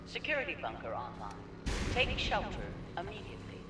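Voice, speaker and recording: A woman voicing a female automated security alarm in a game, heard over an air raid loudspeaker. She gives clipped, urgent warning announcements. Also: fairly low pitch, wildly swooping pitch, fairly quick, very noisy. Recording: distant echoey loudspeaker amid loud gunfire.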